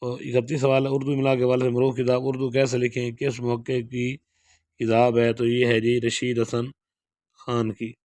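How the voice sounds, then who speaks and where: Male lecturer, monotone delivery, clean dry recording. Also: mid-range voice, dry recording. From Pakistan. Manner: steady explanatory delivery, reads question then gives answer. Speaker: Urdu lecturer. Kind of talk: exam prep lecture going through model paper answers.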